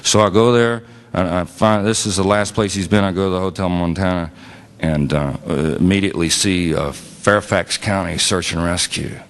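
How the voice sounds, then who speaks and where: A man's voice: deep voice, fairly even intonation, normal speed, big-room sound. A man telling a personal story to an audience in a casual, plainspoken way with frequent fillers. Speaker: invited speaker and musician. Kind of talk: storytelling talk.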